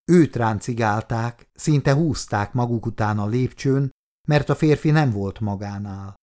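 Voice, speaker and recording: A man's voice: mid-range voice, a little mellow. Man reading an audiobook. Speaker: audiobook reader. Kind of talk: scripted audiobook narration.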